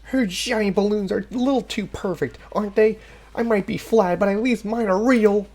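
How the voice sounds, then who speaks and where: A man's voice: high-pitched, moderate pace, darkish tone, voice pushed up. A man voicing a catty, jealous young woman in a comedic visual novel reading. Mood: snide. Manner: snide, boastful.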